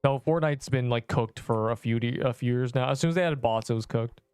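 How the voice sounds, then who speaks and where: A young man with a slight Canadian accent streams a game, chatting casually in rambling, self-interrupting bursts. His medium-pitched voice is brisk, darkish, and smooth. The recording is dry.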